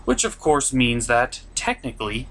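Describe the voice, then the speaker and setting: A man speaks at normal speed in a sing-song, slightly bright medium pitch. As a cartoon reviewer and show host, he offers casual scripted review commentary with a dramatic, emphatic flair; background noise is noticeable.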